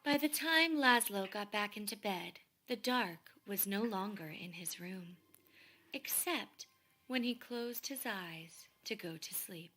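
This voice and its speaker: A woman reading a children's story aloud expressively, in measured phrases that often fall to a hush. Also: medium pitch, lively intonation. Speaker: storybook reader.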